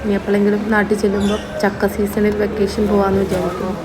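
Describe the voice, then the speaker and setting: A woman's voice: mid-range voice, monotone, quick pace. Malayali woman narrating over heavy noise. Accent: Kerala Malayali. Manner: mixes English words into Malayalam. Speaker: vlogger. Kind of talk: casual vlog narration. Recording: very noisy, with vehicle-like ambience.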